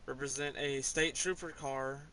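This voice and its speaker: Laid-back male gamer, rambling and hesitant, ordinary pitch, faint noise behind. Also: steady tone, a little slow, sharp tone, low-quality recording. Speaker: gamer showing his garage. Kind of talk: casual gameplay commentary.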